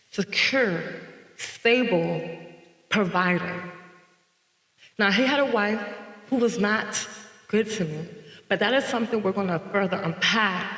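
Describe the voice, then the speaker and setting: Slow, deliberate woman in an echoey room. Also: medium pitch, a bit bright. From North Carolina. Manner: slow, deliberate, emphatic repetition. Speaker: podcast host. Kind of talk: reflective personal monologue.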